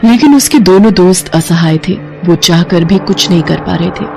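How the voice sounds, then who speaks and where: A woman narrating a scripted cartoon horror story with steady, dramatic storytelling. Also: on the low side, moderate pace, vocal fry, faint music behind.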